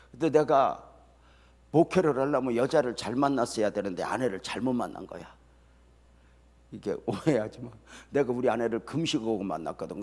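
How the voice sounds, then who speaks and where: An older man, a retired pastor, preaching an early-morning sermon in a folksy storytelling way that swings from soft to loud. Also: a little high, long reverb tail. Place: church sanctuary.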